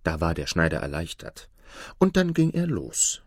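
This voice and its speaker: Male storyteller, fairy-tale reading, lowish voice, lively intonation, dry studio sound. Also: normal speed, no echo. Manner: expressive storytelling.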